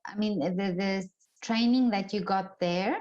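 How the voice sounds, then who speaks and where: A woman's voice: medium pitch, measured pace, darkish tone. Attentive woman interviewer, slightly muffled. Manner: attentive, frequent listening murmurs. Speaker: interviewer host. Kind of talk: interview conversation. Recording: slightly dull, lo-fi sound.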